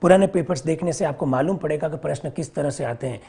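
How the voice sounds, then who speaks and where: Male teacher, husky voice, exam-prep lecture, repeats key terms, asks and answers his own questions. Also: on the high side, fast, dark tone.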